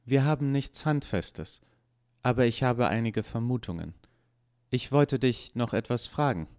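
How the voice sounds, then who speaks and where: A man reading as an earnest male android officer, speaking calmly and formally in a storybook. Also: mid-range voice, measured pace, clean tone, voice pushed up. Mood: grave.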